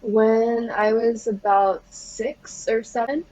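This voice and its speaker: Husky-voiced young woman, laughing easily. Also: fairly high pitch, takes it slowly, muffled recording. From Philippines. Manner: relaxed, laughs often, lots of fillers. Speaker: guest. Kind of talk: casual interview.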